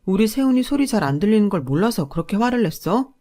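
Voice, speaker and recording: A woman voicing an angry husband who shouts accusations at his mother. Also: medium pitch, very animated, fast, voice pushed up.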